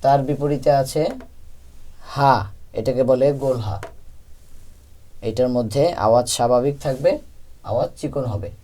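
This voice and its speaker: A man's voice: medium pitch, moderate pace, long pauses, dark tone. A man teaching Quran recitation, patiently explaining letter sounds and repeating each one for practice. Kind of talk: step-by-step pronunciation lesson.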